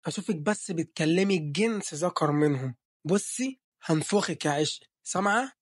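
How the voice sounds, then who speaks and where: A man with an Egyptian accent voicing a bossy, jealous young husband who talks in a gruff, teasing, threatening way. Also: a little high, lively intonation, moderate pace, no room sound, clean studio sound. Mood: stern. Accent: Egyptian Arabic.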